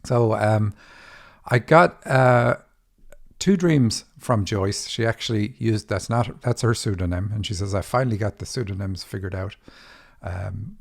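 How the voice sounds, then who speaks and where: Gravelly Irish man hosting a podcast. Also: fairly low pitch. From Ireland. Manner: fillers and restarts, talks quickly. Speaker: podcast host and dream interpreter. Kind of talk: casual monologue.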